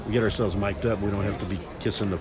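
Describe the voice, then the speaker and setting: A loud, joking middle-aged man hosts a casual livestream of a football scrimmage, filmed outdoors on a phone camera with the crowd audible. He talks rapid-fire in a lowish voice with fairly even intonation.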